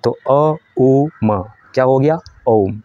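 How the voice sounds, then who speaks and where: A man teaching in a calm, patient way. He puts questions to the listener and answers them himself. His voice sits at a middle pitch and sounds dry and close to the mic. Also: extremely slow, dry recording, phone-quality sound. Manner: patient, asks and answers his own questions, demonstrates chanting. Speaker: spiritual teacher. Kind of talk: explanatory spiritual lesson.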